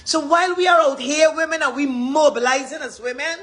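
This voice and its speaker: A woman's voice: high-pitched, steady tone, a little fast, a bit bright. A woman with a Guyanese accent gives an impassioned, rambling live address as a community advocate, repeating her points with emphasis.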